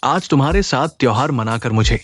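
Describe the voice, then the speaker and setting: A man's voice: mid-range voice, fairly quick, a bit bright, no room sound, faint music behind, natural voice. An actor playing a smug company boss who orders his staff around. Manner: smug, bossy. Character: smug middle-aged male CEO.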